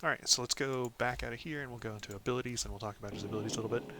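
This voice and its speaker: A man hosting a casual game guide, talking through a character build in a relaxed way, with frequent "um"s and "of course"s. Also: medium pitch, racing, a little hiss or hum. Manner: relaxed, lots of ums and "of course". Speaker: gaming channel host.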